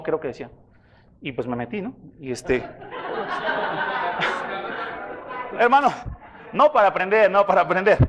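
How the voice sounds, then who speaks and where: A pastor preaching a sermon in a conversational way, often calling his listeners brothers. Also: a little high.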